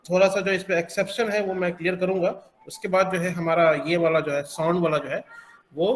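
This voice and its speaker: A man teaching English pronunciation, explaining slowly with many hesitant pauses. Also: high-pitched, flat delivery, reverberant, slight background noise. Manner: slow, halting, many filler pauses. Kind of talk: explanatory classroom lesson.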